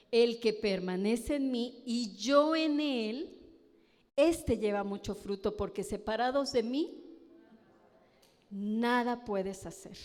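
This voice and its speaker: Woman, Mexican accent, preaching a sermon, unhurried, long church-hall echo. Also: fairly high pitch, a little mellow. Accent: Mexican Spanish. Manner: slow, emphatic, asks the congregation questions. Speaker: pastor's wife preaching.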